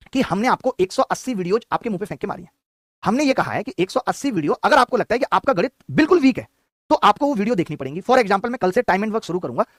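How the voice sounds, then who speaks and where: A man teaching math, introducing a live exam-prep class in a rapid, exhortative lecturing manner. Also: high-pitched, dry recording, studio quality.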